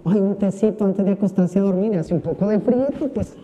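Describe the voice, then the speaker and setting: A priest giving a homily during Mass, telling a humorous personal story and acting out the voices of the people in it. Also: male voice, high voice, steady tone, fairly quick, warm tone, in a large hall.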